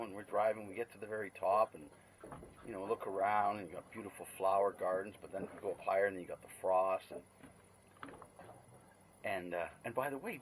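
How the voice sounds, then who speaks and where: A man's voice: lowish voice, a little hiss or hum, low-quality recording. A man telling casual, rambling stories with many fillers. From Canada. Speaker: podcast host. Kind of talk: casual storytelling.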